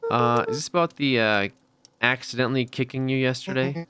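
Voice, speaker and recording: A man's voice: medium pitch, fairly quick, noisy background, pitched above the performer's own voice, close to an everyday voice. A man voicing an anxious, evasive young boy in a mystery game, hesitant and full of questions. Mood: nervous.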